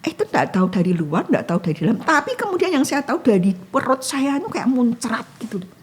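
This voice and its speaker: A woman's voice: fairly high pitch, very animated, quick pace, a little hiss or hum. A woman giving an emotional testimony in casual talk, acting out her own prayers. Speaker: guest sharing a testimony.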